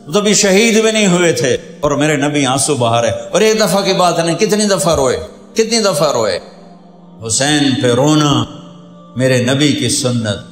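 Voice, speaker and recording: Male preacher, emotional sermon storyteller, echoing room, faint music underneath. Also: fairly high pitch. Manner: emotional storytelling, rising and falling delivery. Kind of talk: impassioned sermon. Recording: echoey hall with background music.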